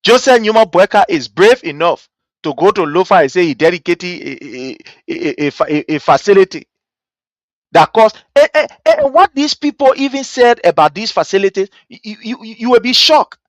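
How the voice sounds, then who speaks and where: A Liberian-accented host delivers impassioned political commentary in a medium-pitched voice. The delivery is indignant and mocking, built on rhetorical questions and emphatic repetition. The sound is dry, with hardly any room to it. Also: sing-song, moderate pace, no echo.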